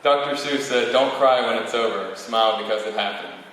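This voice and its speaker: A man's voice: lowish voice, a little fast, fairly bright tone. A young man, about eighteen, delivering a prepared podium speech as a student valedictorian, reading with occasional stumbles. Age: young adult, about eighteen. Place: large reverberant room, speaking to an audience. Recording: very echoey hall, distant mic, faint noise.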